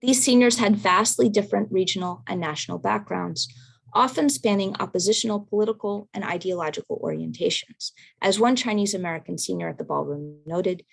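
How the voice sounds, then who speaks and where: Over a video call, a woman academic presenter reads a prepared research talk aloud at a careful, measured pace. Her mid-pitched voice has a gravelly edge touched with vocal fry.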